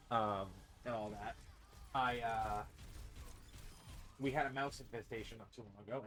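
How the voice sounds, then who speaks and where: In his bedroom with a fan going, a Massachusetts man vlogs casually into a stand-mounted desk mic. His lowish, slightly bright voice sounds stuffy and congested and carries a faint Boston accent. He rambles, with plenty of restarts and fillers, as a streamer and vlogger.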